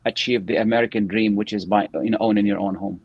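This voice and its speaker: A man's voice: fairly low pitch, steady tone, fast talker, creaky, husky, dry recording, muffled recording. A man speaking earnestly in an interview discussion, repeating words as he thinks.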